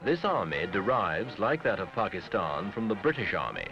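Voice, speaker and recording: Over music on a vintage newsreel soundtrack, a man with a deep, expressive voice delivers short phrases in a solemn, deliberate way. The audio has the dull, low-fidelity quality of 1970s film.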